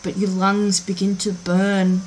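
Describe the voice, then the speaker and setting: A woman running a tabletop game as dungeon master, narrating scenes in a measured, descriptive way. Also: mid-range voice, monotone, darkish tone, slight background noise, rough recording.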